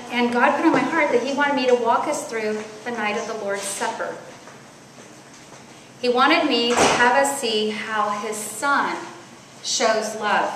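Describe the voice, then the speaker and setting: A woman in her forties, a loud, animated speaker, telling a personal story at a church women's conference. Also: a little high. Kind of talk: storytelling sermon. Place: large hall at a church retreat. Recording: echoey hall, faint noise.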